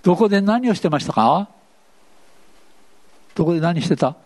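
Lively pastor quizzing his flock. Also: sits high, normal speed. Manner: asks the congregation questions, playful and chatty. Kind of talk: interactive sermon.

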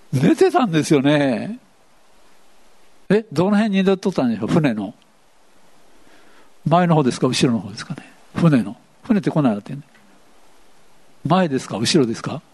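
Male pastor, chatty interactive sermon, bouncy and animated, slightly high voice. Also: a little slow, pauses often, husky. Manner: asks the congregation questions, playful and chatty.

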